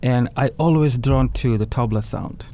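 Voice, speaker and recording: Halting tabla player from Bangladesh. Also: male voice, mid-range voice, warm tone. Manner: halting, restarts words often. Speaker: tabla player, guest musician. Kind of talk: casual interview talk.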